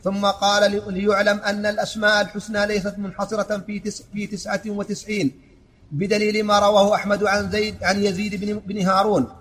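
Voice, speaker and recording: High-voiced man reciting in a monotone. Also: fast talker. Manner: flat, even recitation with stumbles and restarts. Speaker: student reading the text aloud. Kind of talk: reciting a classical text in a lesson.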